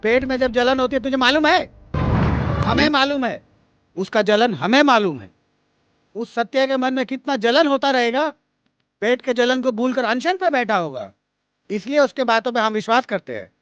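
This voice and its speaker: A man dubbing a streetwise tough who lectures roughly and with scorn. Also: extremely high pitch, lively intonation, moderate pace, a bit bright, no room sound, soft background music. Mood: scornful. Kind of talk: Hindi film dub. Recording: slightly dull with faint hiss.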